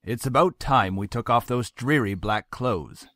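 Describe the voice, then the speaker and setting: Male actor as a stern, domineering middle-aged dad; crisp, forceful, dry studio read. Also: medium pitch, a little slow, no echo, lightly acted. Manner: cold, commanding, explodes in anger. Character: stern controlling father, middle-aged businessman.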